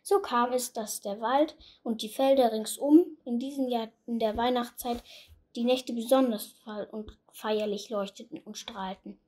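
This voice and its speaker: Woman, fairy-tale reader, calm, soft, breathy, somewhat high. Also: unhurried. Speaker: storyteller. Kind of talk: reading a fairy tale aloud.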